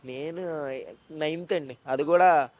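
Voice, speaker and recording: A man, an actor and mimicry artist, telling stories fast in a casual interview with joking asides. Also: fairly high pitch.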